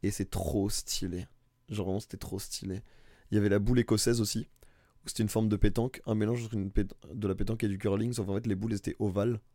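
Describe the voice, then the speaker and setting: A man co-hosting a podcast in casual chat, rambling with restarts and getting animated about comedy. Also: fairly low pitch, quick pace, dry recording, clean studio sound. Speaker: podcast co-host.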